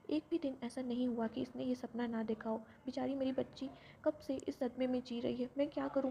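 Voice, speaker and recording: A woman's voice: sits high, mellow, a little hiss or hum. A woman as a stern, scolding mother. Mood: worried. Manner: scolding, sceptical. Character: strict, worried middle-aged mother. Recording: dull lo-fi recording.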